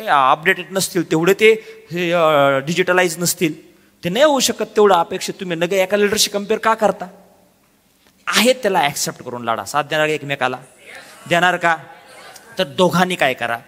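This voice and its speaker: Animated man in echoing hall. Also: sits high. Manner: animated, rhetorical questions to the crowd. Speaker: motivational speaker. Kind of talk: motivational seminar talk to an audience.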